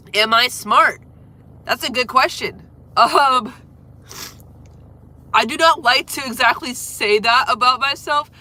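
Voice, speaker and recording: A young woman from Florida, USA, a musician, livestreams from home on a phone held close, chatting loosely with viewers. She has a cold, sounding congested and coughing, and her deep voice rambles with lots of fillers before trailing off quietly.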